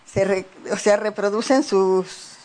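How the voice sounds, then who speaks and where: A woman's voice: mid-range voice, takes it slowly, darkish tone. A woman interviewer asking playful, teasing questions. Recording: noisy background.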